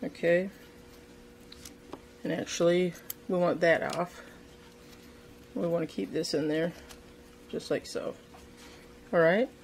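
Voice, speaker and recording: A woman's voice: on the low side, fairly even intonation, slow, long pauses, slight background noise. A woman hosting a casual how-to video, demonstrating a craft at a table indoors and thinking aloud with frequent ums and restarts. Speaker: fishing craft video host.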